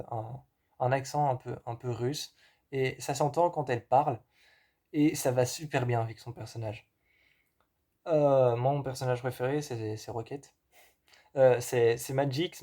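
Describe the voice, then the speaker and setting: A man casually reviewing horror films, pausing often with fillers and repeating himself. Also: mid-range voice, warm tone. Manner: hesitant, many fillers and repeats. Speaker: film reviewer. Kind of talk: casual film review monologue.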